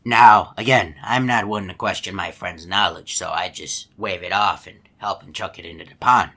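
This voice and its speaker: An actor playing a folksy, long-winded, gullible hippo animatronic in a video game, telling stories in a polite, meandering way. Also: male voice, deep voice, normal speed, pushed and bright, full character voice. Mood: mildly puzzled. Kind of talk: video game character monologue.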